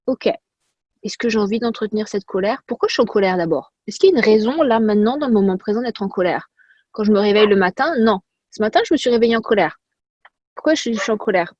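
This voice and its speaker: A woman personal development coach giving an energetic motivational talk, repeating key phrases and asking rhetorical questions. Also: a little high, no room sound, highs cut off.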